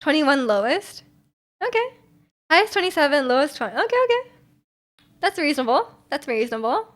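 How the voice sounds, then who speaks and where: Giggly high-voiced young woman streamer. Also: sing-song, a little fast. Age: 20s. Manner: giggly, chatty, often laughing. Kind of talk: casual chat reading viewer messages.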